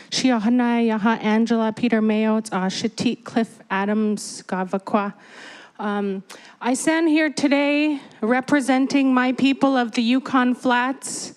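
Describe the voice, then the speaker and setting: A woman shareholder introducing herself formally and addressing a meeting in measured, repeated phrases. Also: fairly high pitch. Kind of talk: formal public comment speech. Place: hotel meeting hall.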